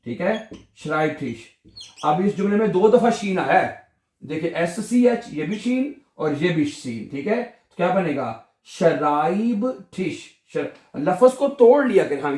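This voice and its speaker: A man's voice: a little high, darkish tone. A man teaching a pronunciation lesson, patiently repeating each word and checking that students follow. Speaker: language teacher. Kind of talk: classroom lesson explaining pronunciation. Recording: echoey room.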